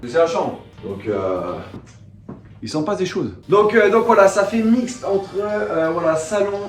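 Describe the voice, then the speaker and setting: Young male YouTuber, slightly high voice, loose slangy delivery full of fillers, roomy home sound with faint music. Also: animated, measured pace. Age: young adult. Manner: slangy, rambling, self-mocking, many fillers. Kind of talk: casual vlog storytelling. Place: his living room at home.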